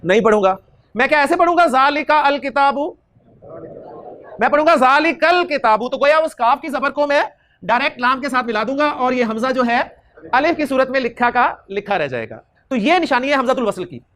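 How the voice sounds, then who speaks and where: A man teaching Arabic grammar in a classroom lecture, quizzing his students and slowly repeating key terms. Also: extremely high pitch, a bit bright. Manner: questions students and drills answers back.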